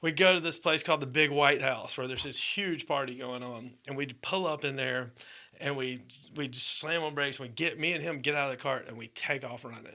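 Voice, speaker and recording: This podcast co-host, a man in his 30s from Georgia, USA, speaks with a medium pitch, a little fast, in a bright, forceful tone. His casual storytelling wanders, with frequent laughter and plenty of restarts.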